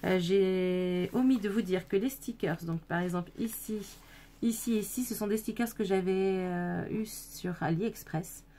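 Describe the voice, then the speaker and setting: In a casual scrapbooking video, a woman shows off her handmade album and speaks directly to viewers, full of fillers and self-corrections. Her voice is warm and mid-range at a measured pace, with slight hiss or hum.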